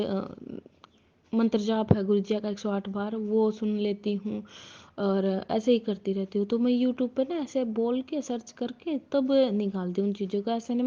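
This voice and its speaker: A woman's voice: medium pitch, dark tone. A woman, likely in her thirties, telling a personal devotional testimony to a congregation, hesitant with frequent restarts. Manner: hesitant, restarts often, addresses listeners as sangat ji. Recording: dull lo-fi recording.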